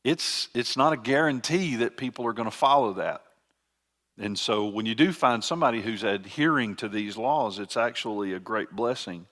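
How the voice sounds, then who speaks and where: A man's voice: medium pitch, normal speed, fairly bright tone. An older man, a pastor giving a conversational teaching sermon with frequent restarts.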